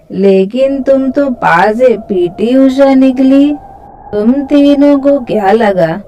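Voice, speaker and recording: A woman's voice: a little high, dark tone, a little hiss or hum, poor audio. A woman doing a mocking young village thug. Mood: leering, mocking.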